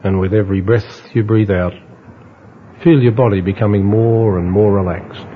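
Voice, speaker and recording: Low-voiced guy doing slow hypnotist style guided relaxation, kinda muffled recording w faint hiss. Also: fairly even intonation. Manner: slow, hypnotist-like instructing with long pauses. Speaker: relaxation instructor. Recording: dull lo-fi audio with faint noise.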